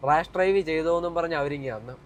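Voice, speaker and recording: A man's voice: a little high, quick pace, crowd noise. A young Malayali man chatting casually to viewers in a driving vlog, mixing English words and slang into his speech. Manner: informal, repeatedly addressing viewers. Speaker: vlogger.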